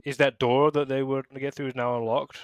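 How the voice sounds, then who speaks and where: A man playing in a tabletop game, chatting in a lively, playful way. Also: mid-range voice, fast, smooth, dry recording, clean studio sound. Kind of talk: casual tabletop game chat.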